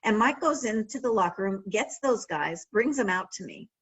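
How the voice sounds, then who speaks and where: A middle-aged woman, an author and former sportswriter, tells anecdotes during a conversational library talk, often restarting her sentences. Her medium-pitched voice is slightly rough, with lively intonation and normal speed, though the audio quality is poor.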